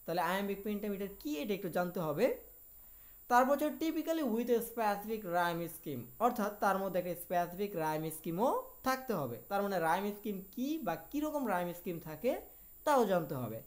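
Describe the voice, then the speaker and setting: A woman's voice: mid-range voice, lively intonation, normal speed. Woman teaching a literature lesson. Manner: explains each point in Bengali after reading it in English; asks rhetorical questions and answers them herself. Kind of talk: video lecture.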